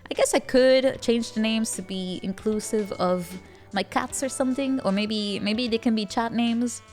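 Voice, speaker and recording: A woman livestreamer talks casually to her chat while gaming. Her manner is playful and cute, in the anime-streamer mould, at a middling pitch. Music plays clearly behind her voice.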